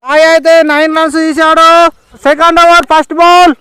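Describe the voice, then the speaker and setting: A man's voice: extremely high pitch, flat delivery, brisk, sharp tone. A man with a Telangana Telugu accent giving informal, exclamatory ball-by-ball cricket commentary, often repeating his calls.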